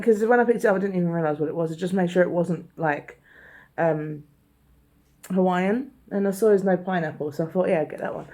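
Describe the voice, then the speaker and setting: Woman from london, ordinary mid-pitch voice, easy chatty vlog talk. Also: darkish tone. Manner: chatty, quick interjections. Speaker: vlogger. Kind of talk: casual chat.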